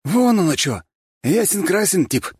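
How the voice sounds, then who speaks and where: A cute young wannabe street tough, all slang and fake menace. The voice is pushed far above the reader's own and swoops a lot, dry and close. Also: male voice, high voice, sing-song, unhurried, a little mellow, husky, dry recording, pitched above the performer's own voice, heavily acted. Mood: mock tough. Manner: slangy, mock-threatening.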